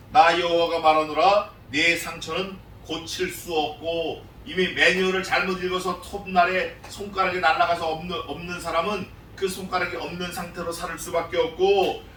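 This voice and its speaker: High, bright-voiced preaching man. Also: a little hiss or hum. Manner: emphatic, repetitive preaching with dramatized quotes. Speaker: pastor. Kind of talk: expository sermon. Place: church sanctuary. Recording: echoey church sound from a distant mic.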